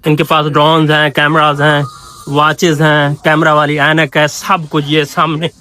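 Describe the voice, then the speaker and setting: Young male vlogger with a slightly high voice, hyping gadgets like a salesman while touring a trade center. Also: monotone, moderate pace, bright, forceful tone, a little hiss or hum. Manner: eager, salesman-like product pitching. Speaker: travel vlogger. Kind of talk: casual promotional walkthrough. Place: indoor trade center shopping hall.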